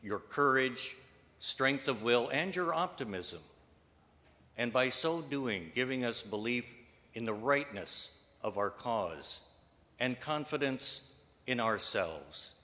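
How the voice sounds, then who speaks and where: Man, formal tribute speech, bright voice, slow and measured, echoing hall. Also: medium pitch, animated. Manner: measured and earnest, with deliberate pauses. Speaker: speaker giving a tribute. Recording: reverberant hall.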